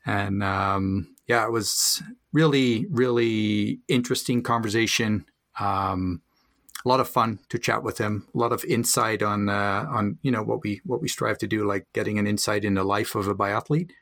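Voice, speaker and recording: A man co-hosting a podcast in easygoing casual chat, talking in halting phrases with frequent pauses. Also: lowish voice, fairly even intonation, fairly bright tone. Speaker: podcast co-host.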